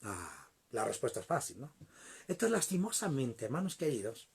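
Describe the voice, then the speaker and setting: Preacher guy telling a story in his sermon, husky voice, swings all over in pitch. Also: moderate pace. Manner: animated, addresses the congregation.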